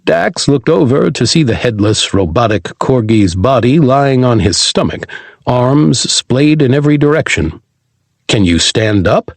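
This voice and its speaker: Male sci-fi narrator, husky, animated reading, dry studio sound. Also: mid-range voice, unhurried, no room sound. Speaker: audiobook narrator. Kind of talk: scripted audiobook narration.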